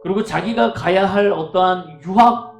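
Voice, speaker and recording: A man's voice: high voice, normal speed, creaky, roomy sound, faint music behind. A male pastor preaching a sermon at a church service, telling stories emphatically and asking the congregation rhetorical questions.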